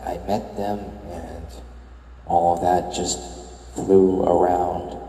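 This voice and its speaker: A young man giving a soft-spoken, reflective voice-over as he tours a game world, musing hesitantly and correcting himself as he goes. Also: little pitch movement, slow, reverberant, in a large hall, low-quality recording. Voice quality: soft, low-key murmur. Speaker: video game tour vlogger.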